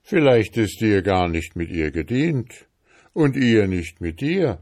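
A man's voice: on the low side, big pitch swings, slow, darkish tone, exaggerated voice. A man playing a sly, lordly fairy-tale king. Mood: measured. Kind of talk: storybook reading.

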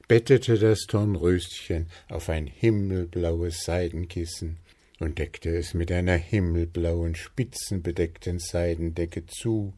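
Male storyteller, low and mellow, unhurried, gently playful reading. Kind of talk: storybook narration.

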